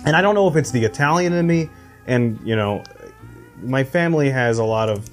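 A man telling stories as a podcast guest, lively and loose, slipping now and then into quick comic voices. His pitch sits in a middle range. Faint music plays under the talk. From Phoenix, United States. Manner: animated storyteller who slips into quick comic voices. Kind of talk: casual chat.

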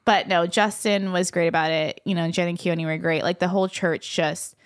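A woman's voice: fairly low pitch, steady tone, moderate pace. A young woman, a podcast guest, telling a personal story in a casual, chatty way, often saying "like.". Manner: chatty, fills speech with "like".

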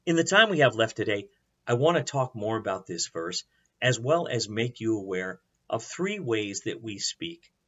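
A man preaching as a pastor, teaching in an earnest, measured way with rhetorical questions. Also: mid-range voice, fairly bright tone, husky, highs cut off. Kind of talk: sermon.

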